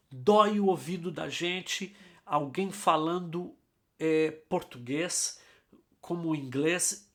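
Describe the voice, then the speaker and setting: A man's voice: on the high side, a bit bright. A man hosting an English lesson, talking in an emphatic, conversational way. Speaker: English teacher, host. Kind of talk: casual teaching talk.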